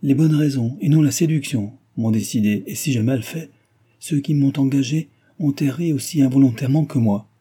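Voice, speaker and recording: A man's voice: medium pitch, moderate pace, warm tone, husky, voice pushed up, lightly acted. A man reading aloud, voicing an earnest young woman who pleads her case in an old novel. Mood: pleading.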